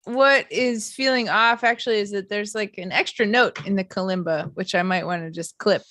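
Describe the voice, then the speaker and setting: A woman's voice: mid-range voice, pushed and bright, soft background music. A woman co-writer giving chatty, encouraging feedback on vocal takes in a casual studio session. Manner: encouraging, chatty, quick to explain. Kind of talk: casual studio work talk.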